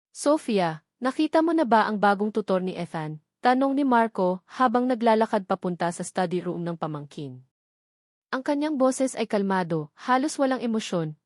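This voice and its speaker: Speaking with a Filipino accent, a woman narrates a scripted, dramatic romance story. Her voice is medium in pitch with a darkish tone, captured in a dry, studio-quality recording.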